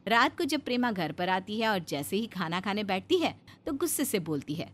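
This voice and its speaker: A woman narrating a cartoon story in a calm, even storytelling manner. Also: medium pitch, normal speed.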